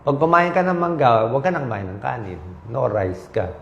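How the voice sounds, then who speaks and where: A man's voice: mid-range voice, sing-song, normal speed, creaky, a bit bright, muffled recording. A man with a Filipino accent giving casual health advice as a doctor, talking conversationally and often checking in with his listeners. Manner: conversational, frequent "okay?" and "di ba?" check-ins. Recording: roomy echo.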